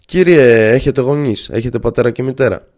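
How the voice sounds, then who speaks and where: A man voicing a calm young male student who argues patiently and politely with his professor. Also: mid-range voice, lightly acted. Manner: steady, patient, polite arguing.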